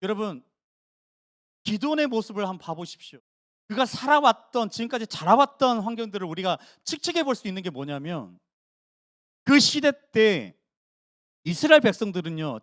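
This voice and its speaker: A man's voice: high voice, no room sound, clean studio sound. A man preaching a sermon as pastor, asking the congregation questions and acting out the voices of biblical figures. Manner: animated preacher acting out voices of Gideon and God. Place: church sanctuary.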